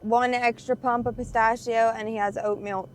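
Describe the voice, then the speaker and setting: Young adult female co-host, slightly high, relaxed road-trip chatter in a truck. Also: moderate pace, slight background noise. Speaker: co-host, passenger. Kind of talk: casual road-trip vlog talk. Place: inside a moving truck.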